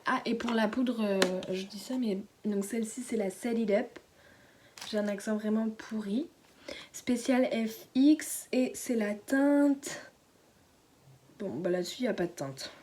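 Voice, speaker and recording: A teenage girl chatting casually through a beauty haul at home, speaking softly and often slipping into a whisper, with lots of fillers and restarts. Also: medium pitch, a little slow, long pauses, slight background noise. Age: late teens. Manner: hushed, often dropping to a whisper. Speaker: beauty vlogger. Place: at home indoors.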